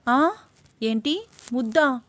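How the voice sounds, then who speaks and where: A woman's voice: animated, takes it slowly, a bit bright, no room sound, full character voice. A woman voicing a young woman in love who is agitated and fiery, in an audio story. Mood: frightened. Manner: shrill, agitated pleading.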